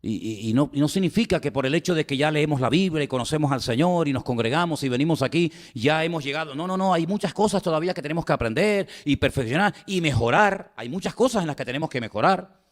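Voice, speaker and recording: A man preaching a sermon with a Spanish accent from Spain. His voice sits a little on the high side and trails a long echo through the church hall. He leans hard on repetition and keeps asking his listeners rhetorical questions. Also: expressive, fast talker. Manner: emphatic, repeats phrases, asks the congregation rhetorical questions. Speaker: pastor.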